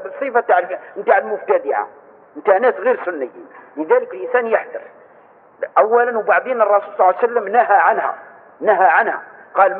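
A man with an Algerian accent teaches a religious lesson in a quick, high-pitched voice. He demonstrates as he explains and keeps checking that his listeners follow. The recording is thin and tinny, with a long echo from a large hall.

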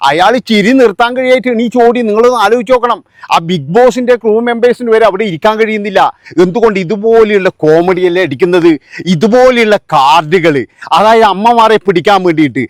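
Scornful high-voiced man mocking. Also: fast, no room sound, studio quality. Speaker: vlogger. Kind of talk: sarcastic commentary vlog.

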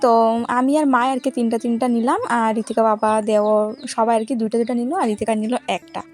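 A woman's voice: on the high side, fairly even intonation, fast, darkish tone, faint music behind. A young woman narrating her day in a plain, matter-of-fact voice-over, sounding tired and weak.

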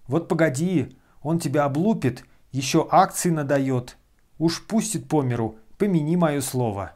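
A man voicing a brash, abusive freeloader who shouts and hurls insults. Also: fairly high pitch, measured pace, close to an everyday voice.

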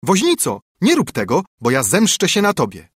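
A man voicing a small, fierce, vengeful male sparrow in a storybook reading, taunting and shrill. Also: huge pitch swings, normal speed, fairly bright tone, husky, no room sound, studio quality, heavily acted. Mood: threatening.

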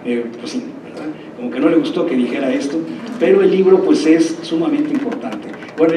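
A Mexican man in his fifties lectures in a lecture hall, his slightly high voice dark in tone over slight background noise. He digresses into anecdotes and often checks in with his listeners. The hall sounds roomy and the mic is far off.

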